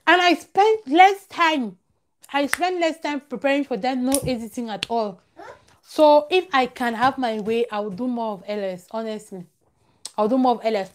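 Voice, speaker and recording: Slight background noise accompanies a young woman's high-pitched voice, spoken at normal speed. She's a live-stream host giving viewers casual advice, stressing ideas through emphatic repetition. She sits near a plain wall in a small home room, a lavalier clipped at her collar.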